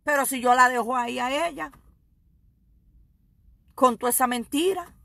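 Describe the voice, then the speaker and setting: A woman evangelist preaching a sermon, fervent and swinging between shouted exhortation and quiet asides. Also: high-pitched, moderate pace, vocal fry, no echo.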